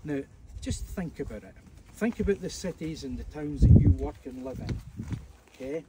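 Speaking at normal speed with vocal fry and big swings in his fairly high pitch, a Scottish evangelist preaches casually to tourists at ancient ruins. He jokes and uses fillers, while the distant outdoor mic catches faint background noise.

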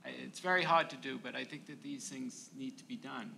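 Older male panelist with a gravelly edge; searching, repetitive phrasing, faint noise behind him. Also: mid-range voice, bright, forceful tone. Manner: halting, repeating words as he thinks aloud. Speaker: panel speaker, academic. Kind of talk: reflective panel discussion. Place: large event room, indoors. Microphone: microphone on a table stand.

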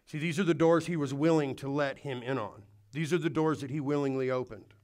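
A man preaches in a church hall to a congregation, speaking a little high and a little fast, with a darkish tone. As pastor, he earnestly urges his listeners and restarts at times.

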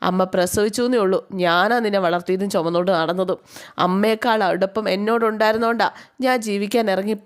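A woman's voice: medium pitch, close to an everyday voice. A woman voicing a fiercely protective elder sister who scolds in indignation.

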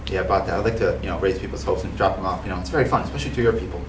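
A man's voice: deep voice, racing, lightly acted. A man in an amateur film playing a rude, bigoted, sarcastic office boss with a mocking, dismissive manner. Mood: contemptuous. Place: small office, some outdoors. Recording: roomy, noisy camera sound from far off.

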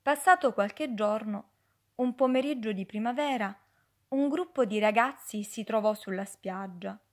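A woman reading a children's story aloud in an expressive way, often dropping into a hush. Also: mid-range voice, unhurried.

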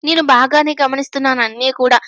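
Woman doing a young husband in a storybook reading, playful and a bit sulky, wanting his wife's attention, high voice, dry close sound. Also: steady tone, quick pace, pushed and bright, dry recording. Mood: teasing sulky. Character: affectionate teasing young husband.

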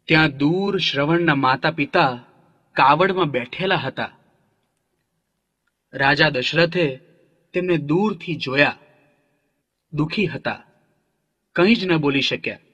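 A man narrating a children's story gently, now and then asking the young listeners questions. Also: a little high, slow, pauses often, husky, highs cut off. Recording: long reverb hall.

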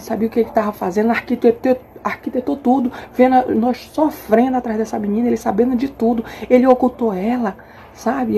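A woman's voice: a little high, warm tone, slight background noise. A middle-aged woman from Acre, Brazil, with an Acre accent, telling her followers a personal story in an agitated, heated and repetitive way. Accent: Brazilian Portuguese, Acre. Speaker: journalist and mother. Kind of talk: emotional personal account to followers.

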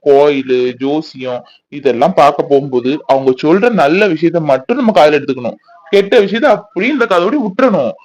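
A man voicing a gentle young fiancé. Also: fairly high pitch, poor audio. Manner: soothing, coaxing. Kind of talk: cartoon voice acting.

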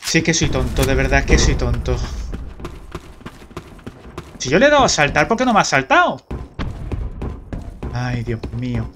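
A man with an accent from Spain, commenting live on his own gameplay, excitable, swearing and exclaiming often. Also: mid-range voice, normal speed, long pauses. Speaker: gameplay streamer. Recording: gunfire noise from the game.

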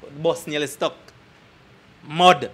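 The man's voice is on the high side, fairly bright, unhurried, and fairly even in intonation, with a Jamaican accent. An interview guest and dancer remembering tours, he tells casual, emphatic anecdotes in patois into a handheld mic, often confirming the listener is following. Clear background noise and ambience can be heard.

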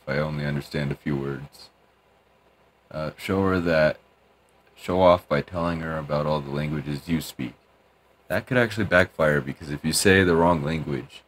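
A gaming YouTuber mumbles and rambles through casual let's-play commentary, joking at his own expense. His voice is a low rumble, and there's a little background noise.

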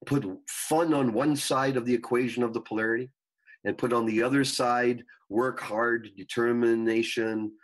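A man speaking as a spiritual guru and coach in an interview, teaching earnestly in measured phrases. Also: medium pitch, steady tone, poor audio. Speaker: spiritual coach and retreat leader, guest. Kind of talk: interview talk, explaining teachings.

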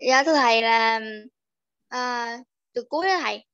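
A woman's voice: a little high, moderate pace, a bit bright, clear, resonant tone, highs cut off. A female student answering her teacher politely and hesitantly.

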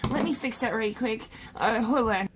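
A woman chatting to viewers in a comedic art vlog, playful and jokey, with drawn-out exasperated sighs. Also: on the high side, heavy background noise. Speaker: art vlogger.

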